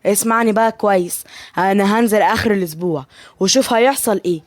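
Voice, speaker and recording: A woman with an Egyptian Arabic accent voicing a protective, loyal young man, steady and reassuring. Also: mid-range voice, quick pace, no room sound, studio quality, lightly acted. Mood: defiant. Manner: steady, reassuring, provoking on the phone.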